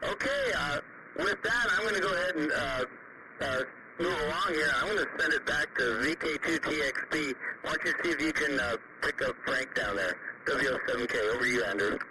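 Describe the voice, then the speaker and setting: A man's voice: on the high side, sing-song, fairly quick. A man working as a radio net controller, casually reading out call signs and handing over turns on two-way radio. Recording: distant, noisy radio audio.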